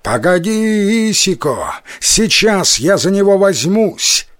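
A man voicing a boastful, mighty young male strongman from a folk tale, speaking loudly and mockingly. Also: fairly high pitch, very animated, slow pace, no room sound, clean studio sound, exaggerated voice. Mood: eager. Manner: loud, mocking, proud.

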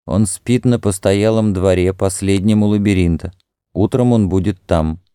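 A man voicing an entranced young Greek man who cries out hoarsely and then murmurs as if in a trance. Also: sits low, moderate pace, warm tone, dry recording, clean studio sound, lightly acted.

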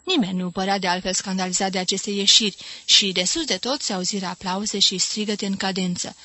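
A woman reads a novel aloud in a clear, measured narration. Her voice is bright and forward, recorded close and dry with no room sound around it. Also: mid-range voice, steady tone, dry recording. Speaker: audiobook narrator.

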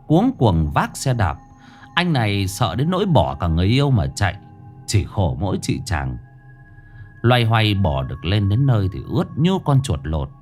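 A man's voice: on the low side, very animated, normal speed, darkish tone, soft background music. A man narrating a ghost story expressively.

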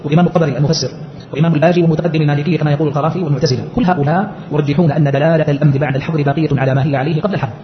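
In a fairly high, steady voice, a man rattles through an explanation of a scholarly text at great speed, posing rhetorical questions as he teaches. The recording is a muffled, lo-fi capture of the lecture.

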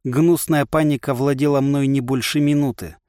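A man's voice: medium pitch, fairly even intonation, moderate pace, warm tone, no echo, clean studio sound. A man narrating a first-person audiobook with a wry, sardonic delivery.

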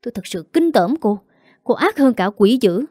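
An enraged husband speaks in a harsh, cold and accusing way, as a woman narrator voices him in a storybook reading. The voice is mellow, with a dry and close sound. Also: on the high side, very animated, moderate pace, dry recording. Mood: angry.

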